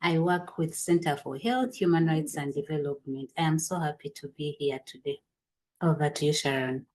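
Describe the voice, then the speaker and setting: A woman's voice: sits low, moderate pace, darkish tone. A woman lawyer introducing herself graciously on a video call, with a few restarts. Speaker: lawyer, panelist. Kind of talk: webinar self-introduction.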